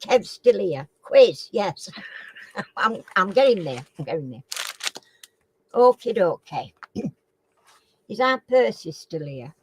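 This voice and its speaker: Toothless-sounding, slow-paced woman. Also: mid-range voice, sing-song, darkish tone, slight background noise, poor audio. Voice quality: toothless, slightly slurred articulation. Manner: chatty, informal, repeats questions. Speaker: live chat quiz host. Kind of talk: casual live chat, reading out quiz questions.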